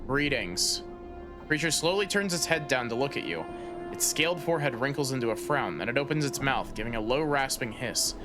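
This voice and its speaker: A man streaming a fantasy game reads its text aloud in a casual way, with hesitant fillers between lines. His voice sits in a middle range. Game music plays clearly underneath. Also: mid-range voice, expressive, fairly quick. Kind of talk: let's play commentary, reading game text.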